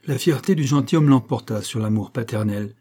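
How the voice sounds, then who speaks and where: Male audiobook reader, measured storyteller, mellow dark voice. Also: mid-range voice, slightly rough. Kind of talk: scripted narration of a classic novella.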